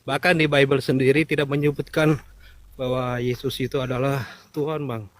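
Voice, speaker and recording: A man's voice: mid-range voice, little pitch movement, moderate pace, no echo. A man calling into a casual debate, speaking politely and deferring to the host. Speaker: caller in live debate.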